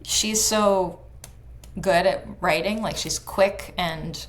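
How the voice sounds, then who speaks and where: A woman's voice: fairly low pitch, slow pace. A young woman, a fiddler, chatting casually in an interview with lots of "like" fillers. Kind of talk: casual conversation.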